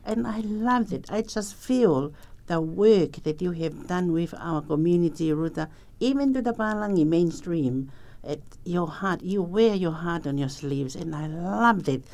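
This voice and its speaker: A woman's voice: lowish voice, animated, unhurried, mellow. A woman hosting a conversational interview, effusive and appreciative in her manner. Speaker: podcast interviewer.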